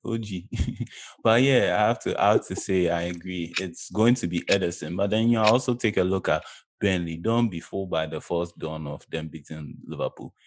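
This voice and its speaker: A man's voice: low voice, moderate pace. A man chatting casually about football as a panelist, emphatic and repeating phrases for effect.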